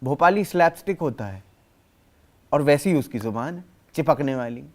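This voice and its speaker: A man's voice: medium pitch, expressive, moderate pace. A man who speaks directly in a documentary interview and often mixes English words into his talk.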